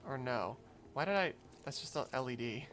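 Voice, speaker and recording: A man's voice: medium pitch, animated, normal speed, noisy background. A man streaming a video game, chatting and thinking aloud as he plays. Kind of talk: casual gameplay commentary.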